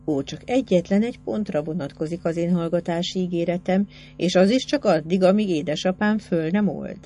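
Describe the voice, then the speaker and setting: Brief: a timid young girl who stumbles over her words and won't give up her secret, put on by a woman narrator with a low voice. Storybook reading. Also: dark tone, slight background noise, lightly acted. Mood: stubborn. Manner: hesitant, halting speech.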